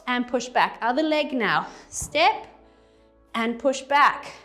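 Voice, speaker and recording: A woman's voice: high voice, fairly bright tone. A woman fitness instructor coaching a workout while exercising along, counting reps aloud and slightly out of breath.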